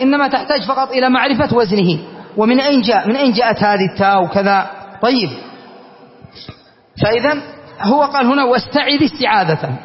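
High-voiced man teaching in an echoey classroom. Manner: drawn-out, repeats words for students. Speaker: Arabic grammar teacher. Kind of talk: classroom lesson. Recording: dull, echoey classroom recording.

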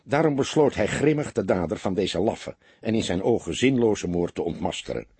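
A male narrator reading a crime audiobook in a measured, expressive way. His voice is husky and lowish, with wide pitch movement. The sound is dry and close. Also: no room sound. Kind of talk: scripted narration.

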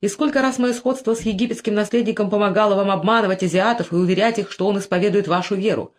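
A reader voicing a young Greek man who is jealous and furious, shouting threats in an audiobook. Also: medium pitch, fairly even intonation, fast, close to an everyday voice. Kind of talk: audiobook character voice.

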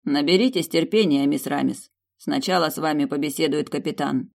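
Storybook prince, young, aloof and dryly mocking, read by a woman in her own low voice. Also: brisk, gravelly, a little mellow. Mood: cool, wry.

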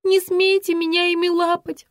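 A woman voicing a terrified young heroine who squeaks and pleads in an audiobook. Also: flat delivery, moderate pace, no room sound, studio quality. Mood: pleading.

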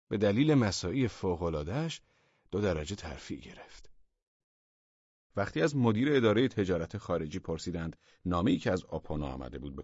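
Casting: deep, husky male narrator for a satire audiobook, lively, dull dry recording. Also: dry recording. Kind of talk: audiobook reading of a satirical story.

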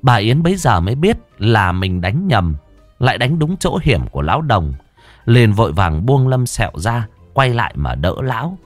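A man's voice: mid-range voice, big pitch swings, moderate pace, no echo, soft background music. A man narrating a comic folk tale in a playful, exclamatory way. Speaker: storyteller.

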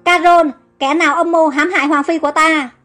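A woman's voice: high voice, steady tone, fairly quick, a bit bright. Woman reading a devoted young pharaoh. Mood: urgent. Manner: urgent, commanding.

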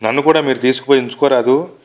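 A man's voice: mid-range voice, fairly even intonation, quick pace, lightly acted. A man reading a teasing young woman. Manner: teasing, lightly mocking. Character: playful young woman, teasing yet kind.

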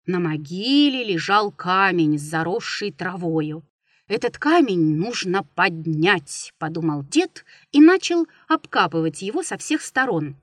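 Woman narrator, storybook reading, slow, dry close sound, expressive. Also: fairly low pitch, no echo.

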